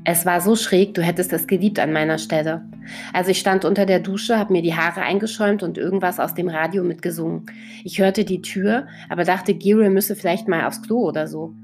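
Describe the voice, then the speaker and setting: A woman's voice: lowish voice, fairly even intonation, fairly quick, a little mellow, faint music behind, natural voice. A woman voicing an emotional young friend who has just got engaged, telling her story in a bubbly, breathless way. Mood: giddy. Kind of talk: audiobook character voice.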